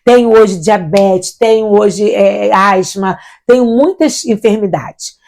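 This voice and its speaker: A woman's voice: mid-range voice, slow pace. A middle-aged woman, a missionary guest, telling her personal faith testimony and acting out the voices of the people in it. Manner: animated storyteller acting out quoted voices.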